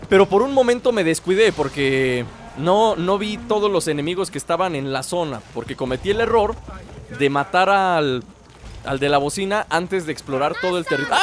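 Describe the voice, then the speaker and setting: A young man with a Mexican accent giving chatty, excitable let's play commentary, talking to his companion as he plays. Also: high-pitched. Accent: Mexican Spanish. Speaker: gameplay channel host.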